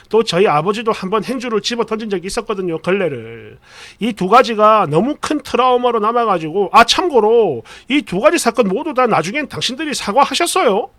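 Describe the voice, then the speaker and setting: A man's voice: high-pitched, lively intonation, brisk, fairly bright tone, dry recording. A man hosting a channel, reading an online post aloud and dropping wry asides. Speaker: host reading viewer stories.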